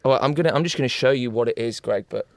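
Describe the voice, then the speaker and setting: A British man hosts a comedy podcast, chatting and interviewing guests in a jokey, teasing way and laughing readily. His voice is medium-pitched with vocal fry, he talks fast, and the recording is very noisy.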